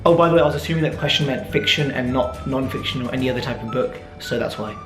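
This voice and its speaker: Racing through his words in a medium-pitched voice, a young British-accented man chats informally over music, answering viewer questions in a casual vlog Q&A to camera. The sound is reverberant; he was born and raised in the UK and spent his teenage years in Dubai.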